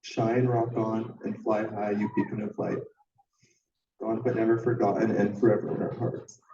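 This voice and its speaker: A man reading a written tribute to his late partner in a steady, even way. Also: on the low side, normal speed, a little hiss or hum. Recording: echoey hall from far off, dull sound.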